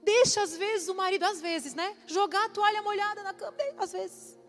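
A woman, preaching to a church women's audience in a chatty, lively way. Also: very high voice, normal speed. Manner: lively, chatty, acts out quotes. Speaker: women's ministry speaker. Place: church hall. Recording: live church hall with music underneath.

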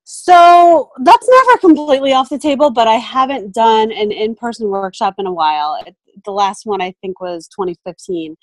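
Chatting casually in a podcast interview, a woman photographer and mentor is thoughtful, frequently saying um and restarting sentences. She speaks at a moderate pace in a slightly high, expressive voice, with no room sound.

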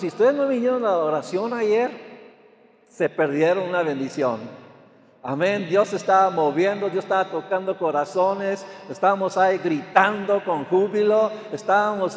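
A man's voice: sits high, reverberant, long reverb tail. An older man, a pastor, telling a story in a sermon with frequent amens and repeated words. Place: church.

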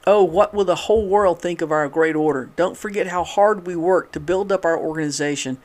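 A man reading aloud and voicing an impassioned male labor orator who pleads with a crowd, louder and more earnest than his narration. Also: a little fast, natural voice. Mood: imploring. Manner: louder and raised in pitch, earnest and imploring.

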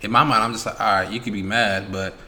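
Co-hosting a laid-back podcast chat, this New Yorker spins stories at speed in a fairly low voice. He packs them with slang and swearing and performs other people's lines as he goes.

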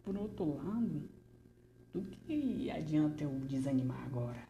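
A woman's voice: sits low, sing-song, a little slow, dark tone, highs cut off, a little hiss or hum, heavily acted. A woman playing a frightened male artist under interrogation, who stammers nervously and slips into whispers in a theatrical monologue. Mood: wry.

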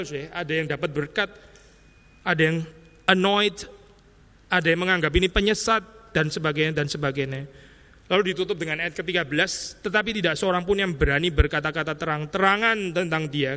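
A man's voice: on the high side, bright, forceful tone, in a large hall. A male pastor giving an expository sermon in a loose, conversational way. He keeps tagging his sentences with little words and slips English terms in among the rest. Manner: conversational preaching, tag words like "ya" and "saya".

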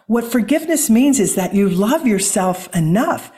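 Her medium-pitched voice is expressive and dark in tone, moving at an ordinary speed. An author from Missouri with a Midwestern American accent, she reflects earnestly as an interview guest, her words flowing with a spiritual quality.

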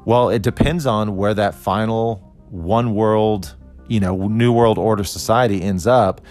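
A man in his forties talks through a philosophy lesson in a low, unhurried voice, thinking aloud with small restarts and fillers. A faint musical bed sits under the talk. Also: fairly even intonation, a little mellow, soft background music. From Costa Rica. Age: 40s. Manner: thoughtful, conversational, with fillers and restarts. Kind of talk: explanatory lecture on philosophy.

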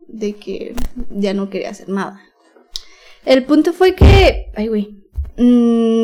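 A woman's voice: fairly high pitch, a little mellow. A young woman with a Mexican accent, a podcast guest telling a personal story frankly and casually, full of slang and fillers. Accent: Mexican Spanish. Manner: slangy, frank, with many fillers and nervous laughs.

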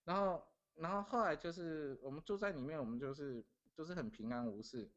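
On a muffled recording, a middle-aged Taiwanese man speaks briskly in a slightly high, somewhat bright voice. As a podcast guest he narrates events earnestly and casually, often repeating phrases.

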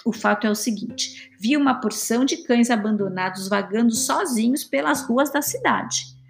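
A woman's voice: a little high, lively intonation, normal speed, gravelly. A woman reading a storybook voices a showy, rambling male monkey who loves to tell tall tales. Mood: boastful. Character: boastful chatty male monkey.

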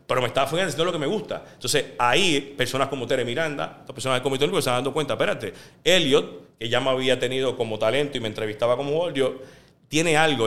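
A man from Puerto Rico, a sports journalist guest, telling lively career anecdotes in a casual interview. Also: medium pitch, gravelly. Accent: neutral Spanish.

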